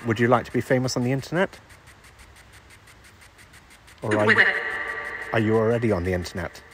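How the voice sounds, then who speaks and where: A man on a ghost hunt, slowly and patiently putting questions to unseen spirits at an old estate ice house. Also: medium pitch, very animated, fairly bright tone, a little hiss or hum. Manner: slow, coaxing questions to an unseen listener. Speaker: ghost hunter.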